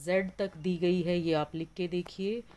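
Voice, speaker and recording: A woman teaching a lesson on phonetic sounds, slowly listing example words. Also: lowish voice, fairly even intonation, dark tone. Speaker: English teacher.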